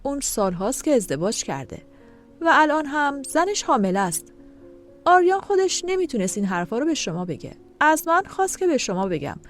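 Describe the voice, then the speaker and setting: Brief: woman reading a pushy adult man caller in an audio story, firm and pressing, fairly high and lively, soft music behind. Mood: insistent. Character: blunt insistent adult man on the phone.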